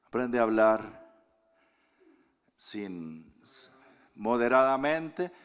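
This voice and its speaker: A Colombian man preaching a sermon as pastor, moving from loud emphatic lines to soft hushed asides. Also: medium pitch, expressive, extremely slow, clear, resonant tone. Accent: Colombian Spanish.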